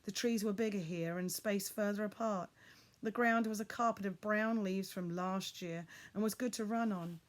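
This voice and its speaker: Expressive woman reading a children's story. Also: mid-range voice, moderate pace. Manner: expressive, builds suspense. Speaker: audiobook reader. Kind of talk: reading a children's novel aloud.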